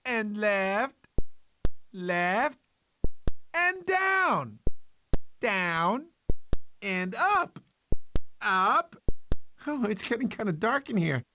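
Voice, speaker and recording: An actor playing a cowardly, talkative male sloth in an animated video game, with an excitable, theatrical, whiny delivery. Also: sits high, very slow, pauses often, noisy background, heavily acted. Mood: encouraging, then nervous, boastful.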